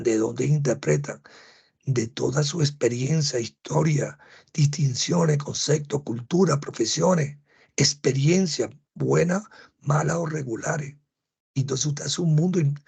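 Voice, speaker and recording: A man's voice: a little high, measured pace, vocal fry, a little mellow, slightly rough. A man giving a reflective teaching talk to an audience, asking rhetorical questions and restarting his phrases as he goes.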